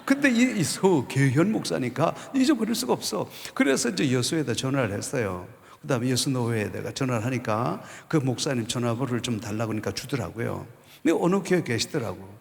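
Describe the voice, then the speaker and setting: A man in his fifties, a pastor, giving an animated storytelling sermon testimony in a church. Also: mid-range voice, brisk, vocal fry. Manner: animated storytelling, acts out quoted voices. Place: church sanctuary. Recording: long church hall reverb.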